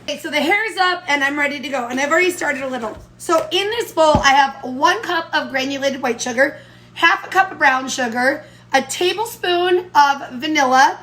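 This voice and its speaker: A woman's voice: high voice, moderate pace, a bit bright, a little hiss or hum. A woman with a nasal, stuffy voice from allergies, chatting upbeat as she walks through a baking recipe in her home kitchen. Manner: chatty and upbeat, talks through each step. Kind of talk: casual cooking tutorial chat.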